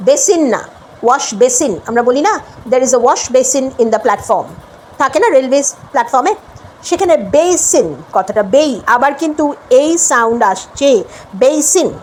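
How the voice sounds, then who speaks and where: A woman with a Bengali accent who teaches English pronunciation and repeats each word, then models the correct form slowly. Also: sits high, expressive, a little hiss or hum. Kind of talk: spoken English lesson.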